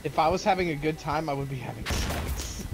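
A woman gamer on voice chat, joking crudely and breaking into shrieking laughter during casual banter. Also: low-pitched. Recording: noisy voice chat mic.

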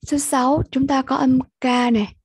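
A young woman with a Vietnamese accent walks pupils through an English test at an unhurried pace. Her voice sits high but sounds soft and mellow. It is very husky and breathy, and the recording is close and dry. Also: no room sound. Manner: slow, patient, repeats sounds for pupils. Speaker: English teacher. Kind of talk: online lesson walkthrough.

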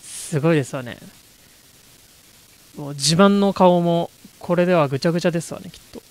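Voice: medium pitch, a little fast, darkish tone, close to an everyday voice, low-quality recording. Someone putting on a haughty noble young lady. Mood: prim, judgmental. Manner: haughty noble-lady speech, primly polite and judgmental. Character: haughty, genteel young lady commenting on horror. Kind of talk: horror game let's play commentary.

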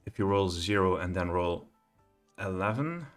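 A middle-aged programming tutor talks through live code from his home office, thinking aloud and hesitating with plenty of fillers. His low voice is animated and fairly bright, moving at a moderate pace over faint background music.

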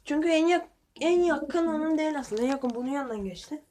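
A woman's voice: high voice, a little fast, mellow. A woman keeping pigeons, talking viewers through her birds in a chatty, blunt way and swearing now and then. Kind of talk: casual vlog commentary to viewers.

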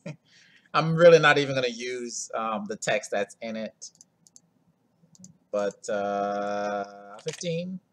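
A man's voice: lowish voice, animated, slow pace, long pauses, fairly bright tone, smooth. A man hosting a screen-recorded coding tutorial, talking in a laid-back, rambling way full of ums and asides.

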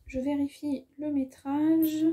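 Sewing vlogger with an accent, high voice, soft and mellow tone, chatty and musing with lots of fillers. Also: female voice, little pitch movement, takes it slowly. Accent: has an accent of her own. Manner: chatty, thinks aloud while measuring fabric; lots of hesitations and filler words. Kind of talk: casual haul video chat.

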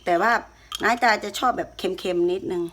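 A woman's voice: fairly low pitch, moderate pace, a bit bright, a little hiss or hum. A woman hosting a casual home cooking video, chatting and explaining as she prepares a salad.

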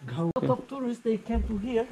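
A man's voice: extremely high pitch, warm tone, slight background noise, low-quality recording. Man guiding a tour in broken English. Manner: broken English, short phrases, halting with fillers. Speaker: local tour guide. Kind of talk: guided tour explanation. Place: outdoors and inside a mud-brick house.

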